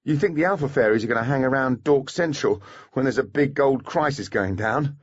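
A snarky young male lab technician from a storybook, high, loud and scoffing, as a male narrator puts him on. His husky voice mocks everything, and the sound is slightly dull. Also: brisk, lightly acted. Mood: sarcastic.

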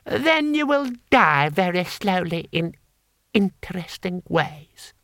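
A man voicing a cold, scheming older imperial lord who speaks slowly and haughtily. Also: sits high, very animated, gravelly, a bit bright, no room sound, studio quality, voice pushed up, heavily acted. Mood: menacing. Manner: slow, haughty, menacing.

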